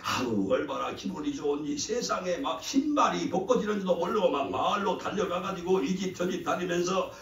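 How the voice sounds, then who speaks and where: A male pastor preaching a sermon in a lively, conversational way, having the congregation repeat his words in call-and-response. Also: high voice, a little fast, hardly any pauses. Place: church sanctuary. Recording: echoey church hall, mic at a distance.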